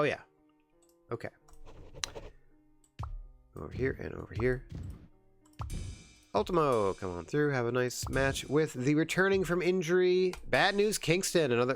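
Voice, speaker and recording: Young male streamer, gravelly, bouncy pitch, chatty self-talk, faint music behind. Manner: chatty, giggly, talks to himself while deciding. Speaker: game streamer. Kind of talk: casual gameplay commentary.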